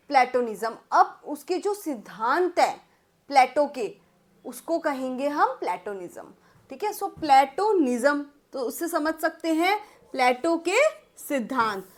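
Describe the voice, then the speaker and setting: A woman teacher with an Indian accent and a high, animated voice explains English vocabulary in a classroom, switching between Hindi and English. She dictates at an unhurried pace, repeating phrases as she writes them out for students she calls "beta".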